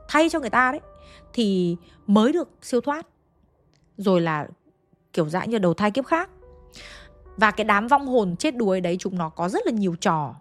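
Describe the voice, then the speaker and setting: A woman narrating a ghost story, shifting her pace and loudness to build suspense. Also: mid-range voice. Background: faint background music.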